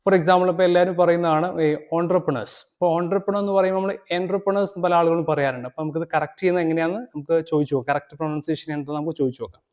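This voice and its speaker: A man from Kerala hosting a language tutorial, talking quickly in a slightly high voice. He explains each step steadily, then slows down to read his English prompts. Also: steady tone, darkish tone. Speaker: English teacher, channel host.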